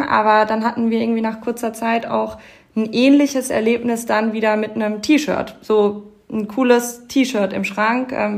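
A woman in her thirties, a company co-founder, telling a story in a relaxed podcast chat with many fillers. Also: a little high. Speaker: fashion label co-founder, guest. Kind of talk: casual podcast interview.

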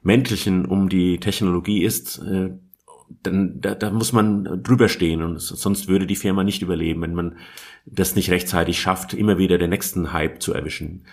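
A man's voice: low-pitched, fairly even intonation, moderate pace, gravelly. A man answering as a guest from industry, thinking aloud and restarting phrases as he searches for the right word. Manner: thoughtful, restarts phrases while searching for words. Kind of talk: conversational interview answer.

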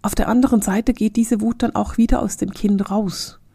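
A woman hosting a reflective podcast monologue, speaking straight to the listener and often dropping into soft, whispery phrases. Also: mid-range voice, steady tone, normal speed, husky, dry recording, studio quality. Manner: addresses the listener directly as "du". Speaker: podcast host.

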